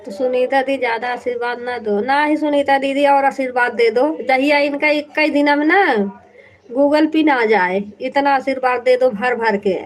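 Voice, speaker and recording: A woman's voice: sits high, a little slow, poor audio. A woman chatting casually on a live stream through an earphone mic, teasing and laughing often.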